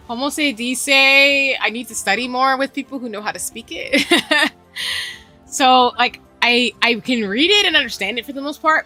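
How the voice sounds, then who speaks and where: A young adult woman streams a game and rambles casually to her viewers, full of asides and fillers. Her voice is fairly high, bright and forceful.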